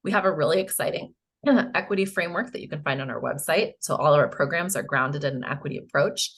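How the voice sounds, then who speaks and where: An American woman with a hoarse, croaky voice, giving a public presentation to a board. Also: deep voice, quick pace, fairly bright tone. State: hoarse, coughing. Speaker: presenter, housing finance agency staff.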